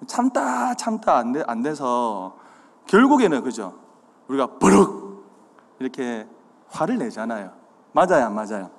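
A man's voice: medium pitch, normal speed. A man preaching a sermon, quizzing his congregation with questions and acting out the signs of anger. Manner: animated, acts out anger. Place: church sanctuary. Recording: hall reverb.

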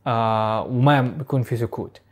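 A young man giving a casual video lesson on a test's listening section, chatty and animated, with asides. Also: medium pitch. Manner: chatty, fast, animated with asides and little laughs. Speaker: IELTS tutor.

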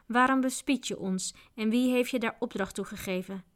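A woman reading aloud, voicing a gruff, commanding male knight. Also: fairly high pitch, moderate pace, close to an everyday voice. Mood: stern. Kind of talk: audiobook character voice.

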